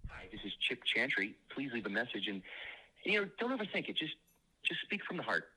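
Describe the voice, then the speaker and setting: Guy's answering machine greeting playing off a phone, super lively up and down, kinda husky. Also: medium pitch, brisk, poor audio. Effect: recorded voicemail greeting played over a phone.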